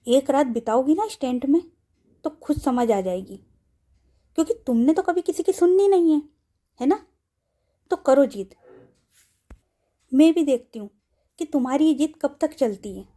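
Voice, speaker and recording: A woman's voice: sits high, expressive, moderate pace, pauses often, dark tone, pitched above the performer's own voice. A woman voicing a stubborn, angry young woman who speaks in a cold, scolding way in a storybook audio drama.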